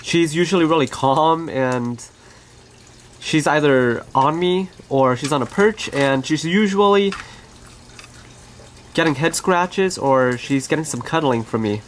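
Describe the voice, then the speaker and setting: Chill bird owner chatting off-camera in an outdoor aviary, soft background noise, mid pitch. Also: a little slow. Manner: gentle, conversational, fond of the bird. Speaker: pet bird owner and channel host. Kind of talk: casual narration over pet footage.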